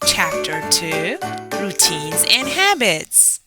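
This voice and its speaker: A woman reading scripted example passages in an even, polished way. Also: on the low side, slow, over loud music. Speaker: narrator reading example texts. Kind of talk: scripted narration.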